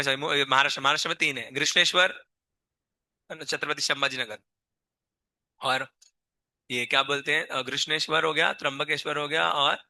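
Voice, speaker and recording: A man's voice: on the high side, pushed and bright, dry recording. A man teaching a live chemistry class with a sore, strained throat, constantly quizzing his students and scolding them.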